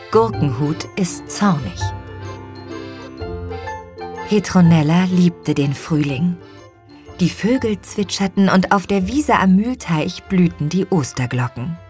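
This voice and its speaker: A woman reading a children's audiobook in an expressive, unhurried way. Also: on the low side. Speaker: audiobook reader. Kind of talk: scripted children's story narration.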